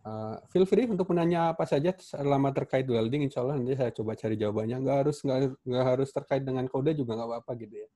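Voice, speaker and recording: A man with an Indonesian accent teaching a welding class online, speaking casually and haltingly with many fillers and restarts. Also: mid-range voice, warm tone. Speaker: welding instructor. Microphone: computer mic on a video call.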